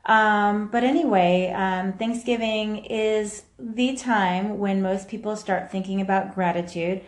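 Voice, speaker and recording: A woman's voice: mid-range voice, slow pace. Chatty woman in an echoey room. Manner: chatty, reacts to viewer comments as she goes. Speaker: podcast host and mom coach. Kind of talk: casual live-video talk to viewers.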